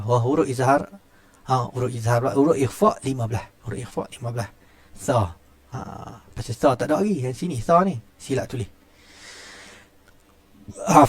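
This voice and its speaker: A man's voice: a little high, darkish tone, no room sound. A middle-aged man with a Malaysian Malay accent teaching Quran recitation rules in a chatty classroom style, often starting lines with "ha" and demonstrating sounds. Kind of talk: classroom tajwid lesson.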